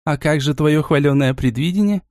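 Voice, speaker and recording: A male narrator voicing a sharp-tongued, sarcastic young woman in an audiobook. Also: sits high, a little fast, dry recording, studio quality, pitched above the performer's own voice.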